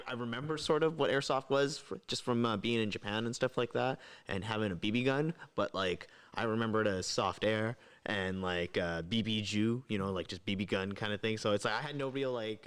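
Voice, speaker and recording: A man's voice: deep voice, smooth. A man co-hosting a casual podcast chat, rambling and hesitant with lots of fillers. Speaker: podcast co-host.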